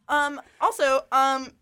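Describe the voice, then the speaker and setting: A woman's voice: sits high, pushed and bright. A young woman hosting a casual podcast, giggly and teasing as she asks questions. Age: young adult. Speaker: podcast host.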